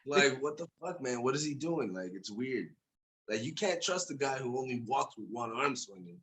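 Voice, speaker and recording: A man's voice: medium pitch, expressive, normal speed, fairly bright tone. A man co-hosting a podcast in casual, profane, joking banter. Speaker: podcast co-host. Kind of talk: casual chat.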